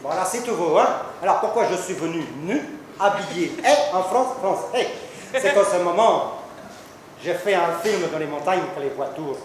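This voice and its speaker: A man's voice: high-pitched, normal speed, a little hiss or hum, natural voice. Man playing a vain film star with a put-on Italian accent, stubborn and emphatic, on a very echoey stage in a live comedy sketch. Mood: chatty. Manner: emphatic, exclaiming, stubborn, playful. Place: stage at a resort show.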